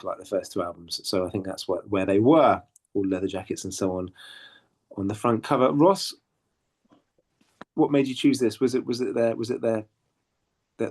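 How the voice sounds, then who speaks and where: A man hosting a casual podcast chat, hesitant, with lots of ums and self-corrections. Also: low voice. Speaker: podcast host.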